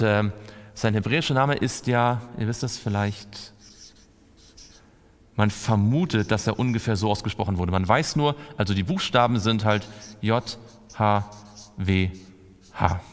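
A man's voice: medium pitch, a bit bright. A man teaching a Bible study to a group, asking them questions and answering himself. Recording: long reverb in a hall.

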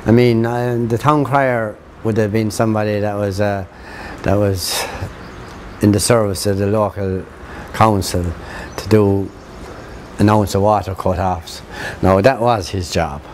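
Man in his 70s, Irish accent, halting conversational recollection, slightly deep, light background ambience. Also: fairly even intonation, a little mellow, slight background noise. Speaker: local interviewee recalling town history. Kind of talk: reminiscing interview. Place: outdoors, sheltered spot by a garden.

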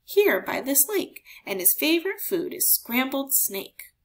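Woman voicing a bold little mouse, high-pitched. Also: very animated, a little slow. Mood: sly. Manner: polite, bold, bluffing. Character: small, clever, boastful brown mouse.

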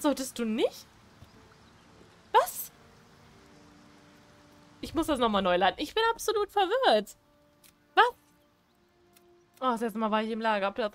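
Female gamer, high voice, casual let's-play commentary, bewildered and exasperated. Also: fairly bright tone. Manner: confused, exasperated, talking to herself and the game. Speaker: gameplay streamer.

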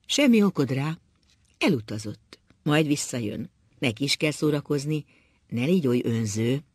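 A man voicing a calm older wife who speaks in plain, cool, soothing words. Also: mid-range voice, husky, no echo, clean studio sound.

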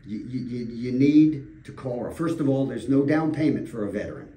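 Older man, earnest storyteller, mellow tone, distant mic, echoey room. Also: medium pitch, a little fast, slight background noise. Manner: earnest, storytelling, emphatic repetitions. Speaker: realtor guest. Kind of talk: conversational radio interview. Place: radio studio. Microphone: desk microphone. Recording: roomy studio, distant mic.

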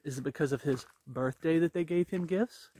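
A man's voice: on the high side, normal speed, mellow. A man in his forties preaching informally and emphatically as he walks outdoors, pressing his points with rhetorical questions, recorded on a phone at arm's length. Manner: talking while walking. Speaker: religious vlogger. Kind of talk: informal preaching while on a walk. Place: outdoors on a wooded path.

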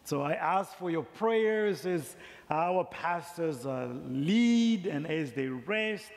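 A man's voice: a little high, expressive, slow pace. A middle-aged man from Zambia preaching a sermon in a large church sanctuary, speaking through a headset mic. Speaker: district superintendent preaching. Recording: long reverb of a large church hall.

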